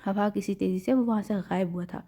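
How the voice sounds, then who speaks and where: A woman narrating a romance audio novel in a steady storytelling way. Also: medium pitch. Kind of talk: scripted narration. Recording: dull lo-fi.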